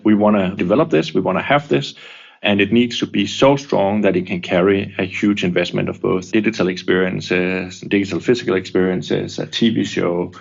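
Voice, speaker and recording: A man being interviewed, explaining in a measured, businesslike way. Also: low voice, gravelly, breathy edge, lo-fi sound. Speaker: interviewed former company director.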